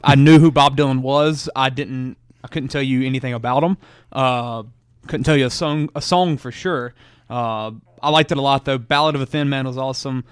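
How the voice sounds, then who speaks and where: A man co-hosting a casual podcast chat, easygoing and quick to laugh. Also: mid-range voice, fairly even intonation, smooth, no room sound, clean studio sound. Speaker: podcast co-host.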